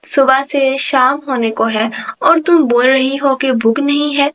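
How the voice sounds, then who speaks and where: A woman's voice: high-pitched, fairly even intonation, fairly bright tone. A woman reading the lines of a possessive, hot-tempered young man in love, pleading and harsh by turns. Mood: coaxing. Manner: pleading then harsh, obsessive.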